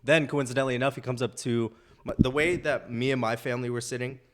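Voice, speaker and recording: A man's voice: mid-range voice, fairly even intonation, fast, a bit bright, a little hiss or hum. A young man on a casual podcast, telling a long story full of fillers and swearing. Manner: rambling storyteller, swears freely, many fillers. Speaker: podcast co-host.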